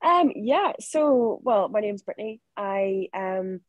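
Her voice is medium-pitched and slow, with no room sound in a lo-fi recording. This young woman, a rugby player from Northern Ireland with the accent to match, is a guest on a video call from a room in her home. She chats easily, laughs often, and gives relaxed, casual answers.

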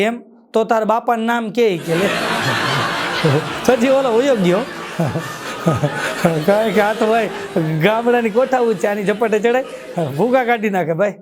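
High-voiced Gujarati stage comedian. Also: male voice. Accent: Kathiyawadi Gujarati. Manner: quick punchlines, ends each joke with a catchphrase. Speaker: stand-up comedian. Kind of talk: live stage joke-telling. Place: live stage show with an audience.

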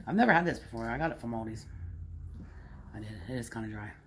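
With a rumbling low, expressive voice, a middle-aged vlogger talks fast to her viewers as she cooks in her small home kitchen. She records on a handheld phone camera, and slight background noise is audible.

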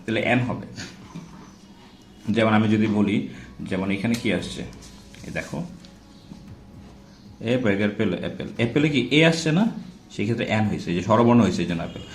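A man's voice: lowish voice, fairly quick, long pauses, slight background noise. Echoey male teacher asking rhetorical questions. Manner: checks in often with rhetorical questions; spells and repeats example words aloud. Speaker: English grammar teacher. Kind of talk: informal classroom-style grammar lesson.

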